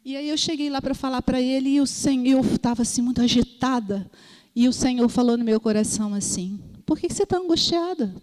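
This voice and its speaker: A woman's voice: on the high side, fairly even intonation, brisk, warm tone. Brazilian woman preaching in a reverberant hall. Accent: Brazilian Portuguese. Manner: storytelling, acts out voices in quotes; asks listeners "entendeu?". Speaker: lay preacher.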